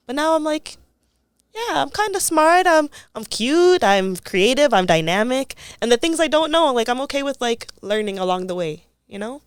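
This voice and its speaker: Recorded in clean studio sound with no echo, a young Toronto woman appears as an interview guest. Her mid-range voice has a clean tone, and she speaks thoughtfully and casually, saying "like" a lot.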